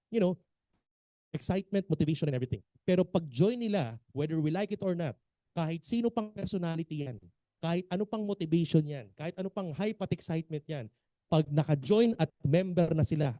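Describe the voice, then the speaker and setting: Filipino-accented man, business trainer, emphatic, keeps quizzing the room, high-pitched. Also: no echo. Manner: animated, emphatic, quizzes the audience. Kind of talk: seminar lecture.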